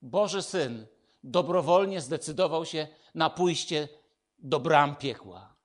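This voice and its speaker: Male preacher, slightly high voice, slow and emphatic, shifts from proclaiming to hushed. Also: lively intonation. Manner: emphatic preaching, swinging between loud declarations and hushed intimate lines. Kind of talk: sermon.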